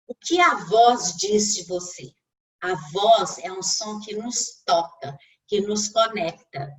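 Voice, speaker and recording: Her medium-pitched voice has a fairly bright tone as this Brazilian-Portuguese-accented speech therapist and communication mentor delivers a didactic video-call talk aimed directly at her listeners. The low-quality recording places her far from the mic.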